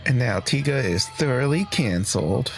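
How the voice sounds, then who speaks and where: A man's voice: medium pitch, animated, moderate pace, gravelly, slight background noise. A man giving joking, casual reaction commentary as an online video host. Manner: joking, wisecracking.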